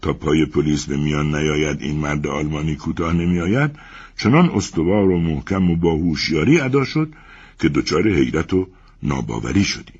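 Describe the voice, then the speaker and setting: A male narrator reads a story aloud with a gravelly, husky voice. His pitch rises and falls in a lively way as he tells it. The recording is dull and lo-fi. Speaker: audiobook narrator. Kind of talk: storybook reading.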